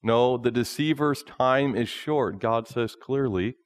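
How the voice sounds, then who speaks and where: A man in his thirties, a pastor preaching a sermon from a lectern in a small church, in a slow, measured delivery. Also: mid-range voice, dry recording. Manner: slow, measured preaching, often reading from notes.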